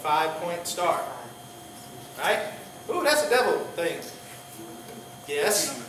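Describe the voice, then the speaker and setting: A man, a pastor, teaching an informal Greek class, talking in a halting way with many fillers and restarts and joking with his students. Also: on the high side, sing-song, fairly bright tone. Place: church classroom. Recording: roomy, distant classroom recording with faint hiss.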